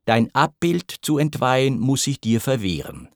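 A man voicing a proud titan brought low, speaking in anguished, pleading verse. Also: animated, normal speed, gravelly, no echo, clean studio sound.

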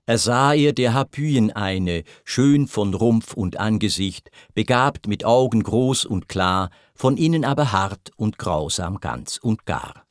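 A man narrating a rhymed verse tale in a measured, solemn recitation. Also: fairly low pitch, animated, no room sound, clean studio sound.

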